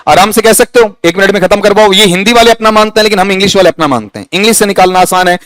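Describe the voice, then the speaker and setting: High-voiced Rajasthani Hindi teacher quizzing students. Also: male voice, a bit bright, no echo, poor audio. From India. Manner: quizzing students, reading sentences aloud slowly. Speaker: English teacher. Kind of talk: classroom lesson.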